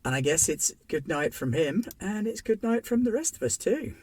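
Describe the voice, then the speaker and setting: With a high-pitched, very animated and slightly mellow voice at a moderate pace, a man hosting a tabletop game stream wraps up the show as its game master, joking playfully and bouncily about next week's games. A little hiss or hum is audible.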